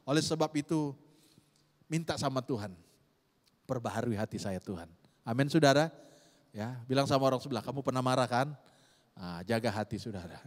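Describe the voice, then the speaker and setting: A man preaching a sermon to his congregation, swinging between loud high exclamations and soft low murmurs. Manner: keeps addressing the congregation as "saudara". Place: church hall. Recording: long reverb of a large hall.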